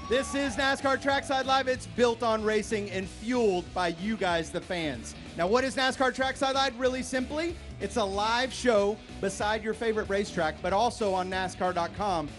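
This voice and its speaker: A man hosts a live fan show beside a racetrack in a high voice. He projects excitedly to the crowd, often breaking into shouts. Faint music plays behind him on the outdoor stage. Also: normal speed, hardly any pauses. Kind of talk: live event hosting at a racetrack.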